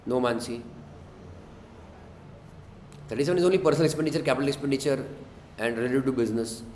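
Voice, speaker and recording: A man's voice: mid-range voice, quick pace, darkish tone. A man with an Indian accent teaching an interactive class as a tutor, prodding students with questions and short checks. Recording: echoey room with faint noise.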